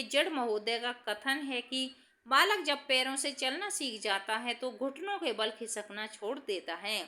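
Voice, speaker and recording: A female teacher with a high voice reads exam answers aloud from study notes. She keeps a steady, dictation-like delivery and calls out each question number.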